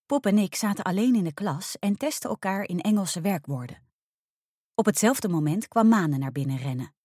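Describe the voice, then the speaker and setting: A woman reading a children's story aloud with expressive narration. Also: medium pitch, moderate pace, slightly rough, dry recording, clean studio sound. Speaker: reader.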